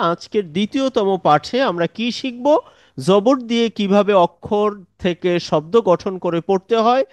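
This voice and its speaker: High-voiced man teaching Quran letters. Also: dry recording. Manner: drills Arabic letter sounds one by one; patient explanatory teaching. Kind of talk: online Quran recitation lesson.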